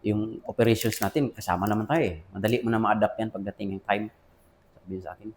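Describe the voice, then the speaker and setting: A man's voice: lowish voice, fast. Filipino army officer telling his story. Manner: addresses listener as sir often, quotes dialogue. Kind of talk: casual interview storytelling.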